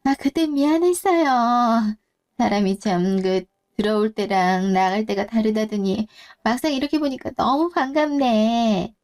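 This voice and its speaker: A woman's voice: a little high, a little slow, a little mellow, lightly acted. A woman voicing a flustered, fussy middle-aged mother in a story drama. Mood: sheepish. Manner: fussy, exclaiming.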